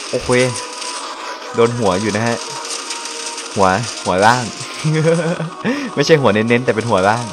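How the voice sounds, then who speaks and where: Excitable young Thai man playing a game. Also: medium pitch. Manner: excitable, exclaims and laughs often, slangy; speaks quietly late at night. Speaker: gameplay commentator. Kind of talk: casual let's-play commentary. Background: game music.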